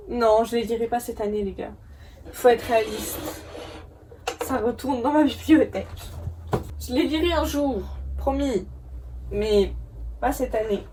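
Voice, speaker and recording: A chatty young woman from France with a somewhat high voice talks casually about her books, teasing herself and giggling along. A faint hiss of background noise sits under the recording. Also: dark tone. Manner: chatty, self-mocking, giggly. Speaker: book vlogger. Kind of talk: casual chat.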